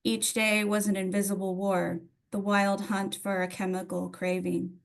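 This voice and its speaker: A woman's voice: mid-range voice, flat delivery, unhurried, vocal fry. A woman from Atlanta reading her own poetry at a literary reading, with informal introductions to each piece. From Atlanta, United States. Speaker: poet reading own work.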